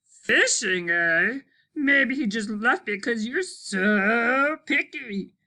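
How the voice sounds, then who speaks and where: A woman's voice: on the high side, animated, takes it slowly, full character voice. A woman voicing a big, scruffy, slobbery boy monster in a storybook, boastful and whiny. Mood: whiny, indignant. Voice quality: slurping. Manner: forceful, whiny. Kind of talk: picture-book read-aloud.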